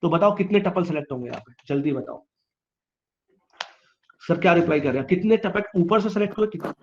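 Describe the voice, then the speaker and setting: A man tutoring a live online class, asking questions and answering them himself, teasing students to reply quickly. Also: high-pitched, animated, dull audio, a little hiss or hum.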